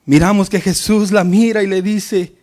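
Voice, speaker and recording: A man's voice: sits high, fairly even intonation, moderate pace, a little mellow. A man preaching a sermon to his congregation, rising and falling for emphasis and often calling out to his listeners as brothers.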